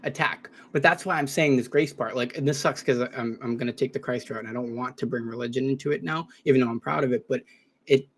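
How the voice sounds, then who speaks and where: An earnest man talking through his thoughts on a casual podcast, restarting sentences as he searches for words. His voice sits at an ordinary middle pitch. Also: fast. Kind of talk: casual discussion.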